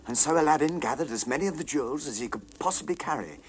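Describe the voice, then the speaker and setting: A man's voice: a little high, expressive, fast, slight background noise. A man narrating a scripted children's story dramatically as its storyteller.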